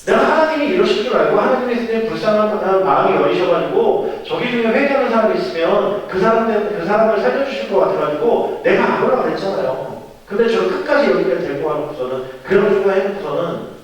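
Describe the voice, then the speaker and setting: A man preaching in Korean voices an indignant, sulking male prophet, complaining loudly in a large echoing hall. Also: on the high side, very animated, fast talker. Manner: loud, petulant complaining. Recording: echoey church hall, distant mic.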